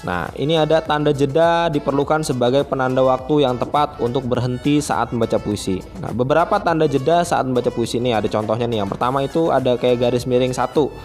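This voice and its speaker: Man, primary school teacher, online lesson for children, friendly, chatty, mid-pitched voice. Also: fast, few pauses, darkish tone, soft background music. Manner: chatty, friendly, often starts phrases with a filler.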